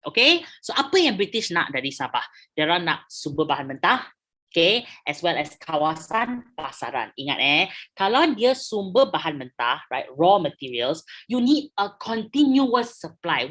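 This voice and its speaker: A woman's voice: lowish voice, very animated, moderate pace, fairly bright tone. A young Malaysian woman teaching a history lesson in a chatty way, mixing languages and acting out quotes. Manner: code-switching, chatty, acts out quotes.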